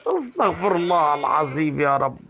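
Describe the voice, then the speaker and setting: A meek, worn-out husband pleads wearily with an Egyptian accent. His voice is fairly high with a gravelly edge. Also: very animated, a little fast, crowd noise. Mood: exasperated. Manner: weary, pleading. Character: harried young husband, meek, exasperated.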